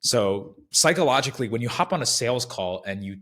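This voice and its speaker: A man's voice: mid-range voice, expressive, brisk, fairly bright tone. A man in his twenties, a guest on a sales podcast, talking casually and rambling with many restarts.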